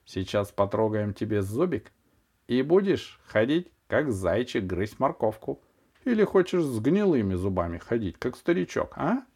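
A man's voice: mid-range voice, very animated, moderate pace, darkish tone, breathy edge. A man voicing a small, stern female dentist who coaxes a child and then orders him about firmly. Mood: coaxing. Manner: coaxing then sharply commanding.

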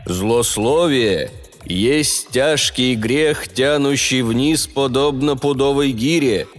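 A man's voice: medium pitch, natural voice. A man voicing a sententious, mournful space trader in an audiobook, speaking in a grandiloquent, reproachful way. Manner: grandiloquent, reproachful, slow and sighing. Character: mournful, pompous trade master, sententious old comrade. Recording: long reverb, music behind.

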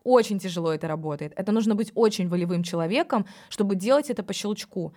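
A woman's voice: mid-range voice, fast talker. Frank woman explaining addiction. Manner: lively, addresses listener directly, frank. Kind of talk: explanatory podcast talk.

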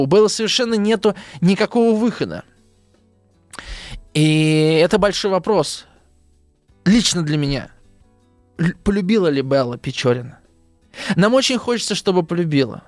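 A man's voice: high voice, no room sound. A man giving a literature lecture, hesitant, full of fillers and rhetorical questions to his listeners.

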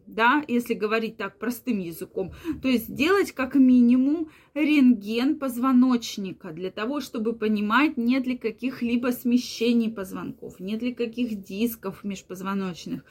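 A woman with a fairly high voice talks viewers through a health problem in an explanatory way. She keeps tucking little filler words into her sentences as she goes. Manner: frequent fillers and repeated "yes", "that is". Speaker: health adviser.

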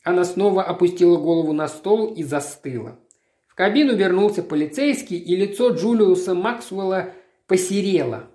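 A woman narrating an audiobook in a measured, even storytelling manner. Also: fairly low pitch. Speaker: audiobook reader. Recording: roomy echo.

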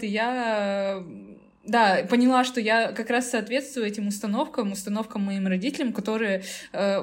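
A woman in her mid thirties, a podcast guest, talking cheerfully and laughing often. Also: medium pitch. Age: 30s. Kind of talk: casual podcast conversation.

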